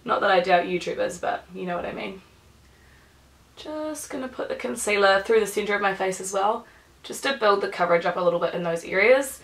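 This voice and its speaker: A woman's voice: medium pitch, a bit bright, rough recording. A young woman, nasal from a cold, chatting casually while she does her makeup for her vlog. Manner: chatty, rambling, self-deprecating asides. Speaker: beauty vlogger. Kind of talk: chatty get-ready-with-me vlog.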